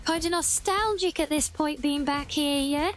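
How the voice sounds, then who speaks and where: Female streamer, high-pitched, chatty and rambling, casual gameplay talk. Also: moderate pace, soft background music. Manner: chatty, rambling, thinking aloud. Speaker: game streamer.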